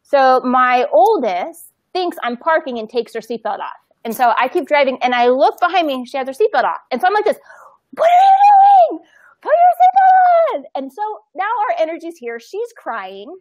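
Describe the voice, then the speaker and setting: A woman in her thirties chatting casually as a podcast co-host, telling an animated story, acting out the voices in it and laughing often. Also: high voice, brisk, hardly any pauses, no room sound, muffled recording.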